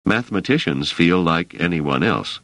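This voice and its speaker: A man voicing a curious, polite male scholar with a measured, mildly wry manner. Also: sits low, expressive, fairly bright tone, no echo.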